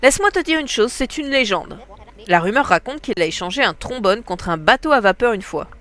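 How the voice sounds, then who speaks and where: A woman's voice: fairly high pitch, lively intonation, fairly quick, fairly bright tone. A woman with a stuffy nose voicing an upbeat, encouraging female game villager, reading the lines aloud.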